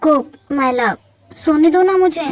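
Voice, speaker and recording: A woman's voice: high voice, slow pace, dry recording, pitched above the performer's own voice, poor audio. A woman voicing an obsessive, possessive young mafia husband in a fan-fiction audio drama, pleading one moment and lashing out the next. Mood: smug. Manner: pleading and possessive, swings to angry outbursts.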